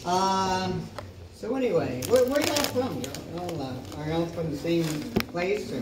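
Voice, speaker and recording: A man's voice: sits high, expressive, unhurried, noisy background. A man from Iowa, a street comedian doing crude, rambling banter with passersby and laughing at his own jokes. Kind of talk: improvised comic banter with passersby. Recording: echoey, distant, with guitar music.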